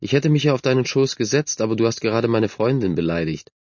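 A man's voice: mid-range voice, lively intonation, fast talker, a little mellow, no echo, lo-fi sound, close to an everyday voice. A man voicing a confident, friendly girl who is a team captain and stands up for others. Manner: self-assured, friendly.

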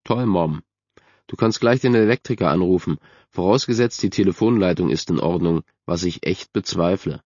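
A man's voice: low voice, normal speed, a little mellow, dry recording. A man voicing a sullen, grieving teenage boy who mutters sarcastic replies, in a dull, dry recording.

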